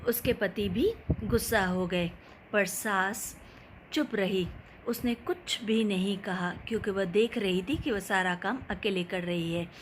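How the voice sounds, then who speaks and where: A woman narrating a family moral story as a storyteller, gentle and unhurried. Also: medium pitch, slight background noise.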